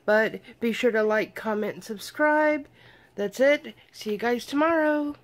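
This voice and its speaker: A woman's voice: fairly high pitch, a little slow. A tired, sleepy woman vlogging casually from her bedroom at night, rambling with many ums and slightly slurred words. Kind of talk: casual vlog chat.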